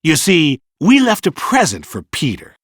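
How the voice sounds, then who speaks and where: A man's voice: fairly high pitch, wildly swooping pitch, a little slow, fairly bright tone, dry recording, clean studio sound, exaggerated voice. A man voicing a sly, gloating pirate captain in a storybook, with drawling, mock-courteous menace.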